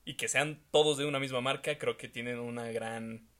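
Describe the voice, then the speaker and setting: A man with a Mexican accent, co-hosting a casual discussion in a relaxed, conversational way. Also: medium pitch, moderate pace. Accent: Mexican Spanish. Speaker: podcast co-host.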